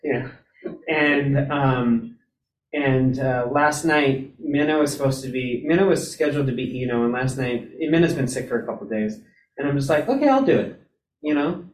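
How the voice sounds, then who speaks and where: A man's voice: steady tone, moderate pace. A man casually telling a story to a Zen group, chatty and amused, laughing as he talks. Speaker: Zen practitioner sharing an anecdote. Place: Zen center meditation hall. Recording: echoey hall, distant mic, faint rumble.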